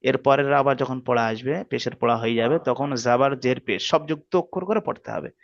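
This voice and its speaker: A man teaching Quran reading, slowly spelling out letters and vowel marks and often checking that his students follow. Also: medium pitch, creaky, no echo, highs cut off. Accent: Bangladeshi Bengali. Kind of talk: slow spelled-out recitation lesson.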